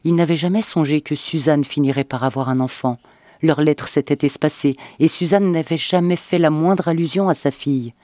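Male narrator, expressive dramatic reading, slightly high voice, dry close mic. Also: moderate pace, dry recording.

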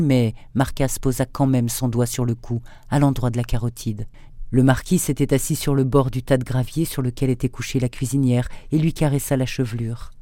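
A man presenting and reading a thriller excerpt aloud in a measured, steady narration. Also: medium pitch, dry recording, clean studio sound. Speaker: radio book reader and presenter.

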